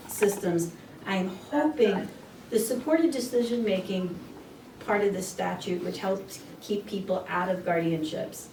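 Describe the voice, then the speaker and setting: A woman attorney explaining things over a video call, her voice fading in and out as she answers questions with halting restarts. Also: on the low side, warm tone. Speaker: attorney giving a presentation. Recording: echoey, distant call audio with faint noise.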